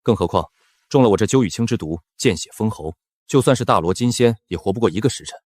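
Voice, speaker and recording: An actor playing a scheming man who gloats slowly and theatrically over a fallen rival. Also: on the low side, expressive, darkish tone, no echo, studio quality. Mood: gloating.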